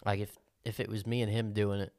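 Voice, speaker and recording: A man's voice: lowish voice, level tone, fairly quick, darkish tone, no echo. Male podcast host, hillbilly accent, crude joking casual talk, close dry recording. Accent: rural American hillbilly. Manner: crude, joking, sweary banter. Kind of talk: casual chat.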